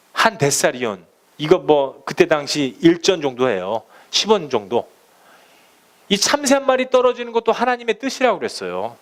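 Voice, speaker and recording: Lively, animated Korean-speaking male pastor. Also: a little high. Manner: lively, conversational preaching that acts out prayers and quotes in sudden loud bursts. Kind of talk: sermon.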